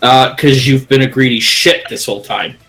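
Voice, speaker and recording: A man with a middle-pitched voice plays a tabletop game, talking casually in and out of character. Music runs behind him. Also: moderate pace, a bit bright. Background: background music.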